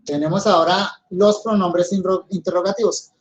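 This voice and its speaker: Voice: medium pitch, fairly even intonation, normal speed, muffled recording. A teacher with a Colombian accent giving a recorded grammar lesson, explaining step by step and addressing the students.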